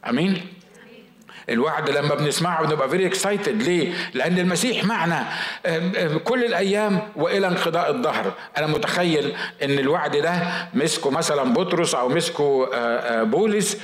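Egyptian pastor preaching in an echoey hall. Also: male voice, a little high, fast. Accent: Egyptian Arabic. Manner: emphatic preaching, repeating key phrases. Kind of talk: sermon.

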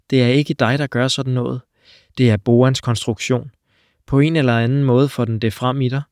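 A man's voice: mid-range voice, no echo, clean studio sound, lightly acted. A man voicing a loyal, caring young woman in a storybook reading, speaking earnestly and urgently.

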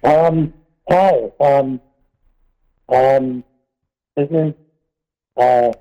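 A male caller on a call-in show, speaking haltingly with many ums while his phone audio keeps cutting out and breaking up. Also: medium pitch. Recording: muffled phone line breaking up.

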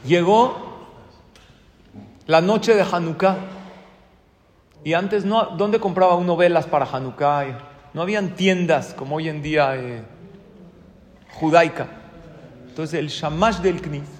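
Rabbi preaching in a reverberant hall. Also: male voice, a little high, slow, long pauses. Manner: lively storyteller, acts out voices. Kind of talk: sermon with storytelling.

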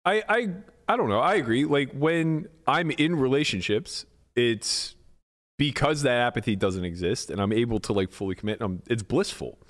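Animated man rambling in casual chat. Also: mid-range voice, normal speed. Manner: candid, rambling, trails off with fillers.

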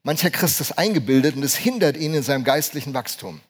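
A man in his fifties preaches a sermon in a notably high voice. He speaks with emphasis and keeps asking his listeners questions as he drives each point home. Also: expressive, fast talker, husky. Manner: emphatic, asks the congregation questions. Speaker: pastor.

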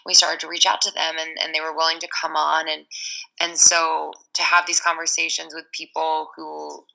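A woman's voice: low voice, flat delivery, normal speed, gravelly, bright, forceful tone, low-quality recording. A woman of thirty, a podcast guest, talking in a rambling, casual way with many fillers. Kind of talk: casual interview chat.

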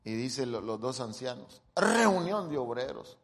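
A man's voice: medium pitch, measured pace, slightly rough. A middle-aged man preaching a humorous sermon, joking and acting out the people he quotes. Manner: jokey, animated, acts out quoted people. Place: church hall. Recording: long church-hall reverb.

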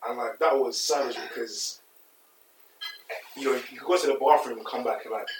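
A man's voice: medium pitch, normal speed, recorded from a distance. A man in his twenties with a London roadman accent, chatting casually in slang with friends and repeating words to hold the floor. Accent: London roadman, multicultural London slang. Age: 20s. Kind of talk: casual group banter. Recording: echoey room, off-mic, noisy.

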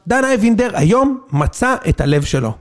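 Man co-host, high-pitched, animated, jokey, rambling sports banter. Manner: animated, joking, laughs often. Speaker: podcast co-host.

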